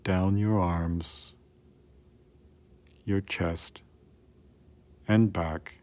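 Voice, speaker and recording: A man calmly narrating a scripted guided relaxation in a soothing, measured way with long pauses. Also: deep voice.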